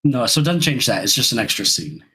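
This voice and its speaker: A man co-hosting a podcast in casual chat, rambling and halting, with many restarts. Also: mid-range voice, lively intonation, pushed and bright, slightly rough, poor audio. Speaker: podcast co-host.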